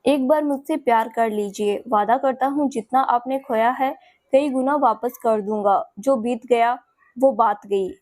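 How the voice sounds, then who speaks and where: A woman voicing a persistent young man in love who talks softly and gently to coax her in a storybook. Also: on the high side, a little slow, no room sound, natural voice. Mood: tender. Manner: soft, gentle and coaxing.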